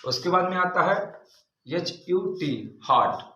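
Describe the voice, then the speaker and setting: In a large, echoey classroom with faint background noise, an English teacher runs a vocabulary lesson, spelling words letter by letter and then repeating their meaning with "ठीक है." His voice sits high, bright and forceful, he speaks slowly, and the audio is dull.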